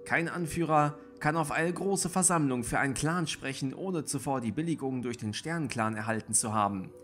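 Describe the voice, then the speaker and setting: A man croaking as an ancient grumbling she-cat elder. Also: mid-range voice, moderate pace, a bit bright, soft background music, close to an everyday voice. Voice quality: croaking, cracked.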